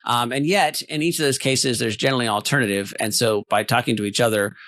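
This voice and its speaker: A man's voice: medium pitch, steady tone, quick pace, a bit bright, dry recording. A man co-hosting a podcast, talking through his thoughts in a casual, rambling way with many fillers. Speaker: podcast co-host.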